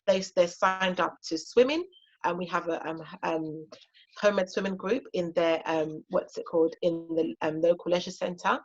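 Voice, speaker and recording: Her voice runs on the low side and slightly rough, with the highs cut off. She is a native Twi speaker from Ghana in her thirties, casually encouraging listeners as a homeschooling guest on an online session and filling her speech with frequent fillers.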